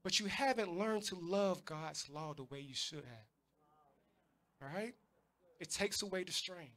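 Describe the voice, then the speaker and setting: A man's voice: high-pitched, a little slow, a bit bright. A man preaching a sermon, emphatic, often repeating words as he drives a point home. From United States.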